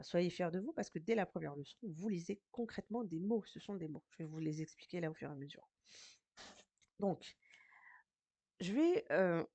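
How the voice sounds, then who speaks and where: A woman's voice: fairly low pitch, creaky, mellow, no echo. Patient French-speaking woman teaching letters. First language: French speaker teaching Arabic. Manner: patient, slow, spells out syllables. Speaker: Arabic reading teacher. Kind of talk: recorded lesson explanation.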